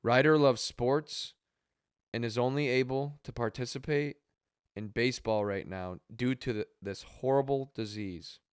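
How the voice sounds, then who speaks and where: A man making a heartfelt appeal for a charity he runs, talking haltingly with sighs and pauses, his voice catching with emotion. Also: medium pitch, clear, resonant tone, no room sound, clean studio sound. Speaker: charity organizer. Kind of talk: heartfelt direct-to-camera appeal.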